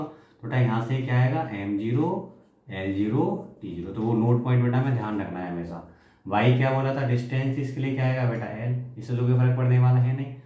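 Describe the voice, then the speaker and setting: A man's voice: mid-range voice, phone-quality sound. A man explaining physics to students as their teacher, asking questions and answering them himself, often calling them "beta" and slipping into English. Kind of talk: classroom lecture. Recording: echoey room.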